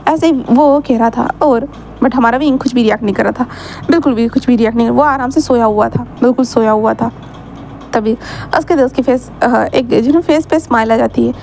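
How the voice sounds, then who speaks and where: Casting: high-pitched woman, chatty storyteller, faint hiss behind. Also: fairly quick, gravelly, warm tone. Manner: chatty, mixing in English words. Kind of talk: casual story narration.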